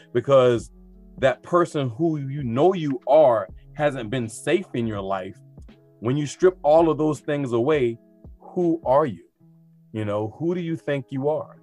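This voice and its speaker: A man in a relaxed interview, an experienced teacher who talks freely and reflectively and breaks into animated, slangy asides. His voice sits at an ordinary middle pitch. Faint music plays in the background. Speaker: teacher of high school students. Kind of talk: casual interview conversation.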